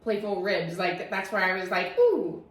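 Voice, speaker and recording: A woman's voice: lowish voice, fairly even intonation, moderate pace, fairly bright tone, roomy sound, poor audio. A woman co-hosting a podcast in a casual book chat. She is chatty, asks questions and laughs along. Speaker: podcast co-host.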